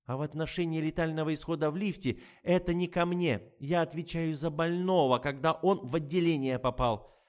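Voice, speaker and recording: A cheeky young woman nurse, played by a man reading an audiobook, sulky and snappish. The voice sits well above his usual pitch and rattles off curt replies. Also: fairly quick, close to an everyday voice.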